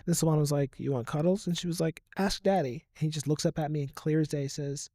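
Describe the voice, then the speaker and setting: A man in his thirties talks on a podcast in a mellow, slightly higher voice. He tells stories loosely and repeats words as he gathers his thoughts. The sound is dry and close. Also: flat delivery, fast, no echo. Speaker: podcast co-host. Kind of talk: casual conversation.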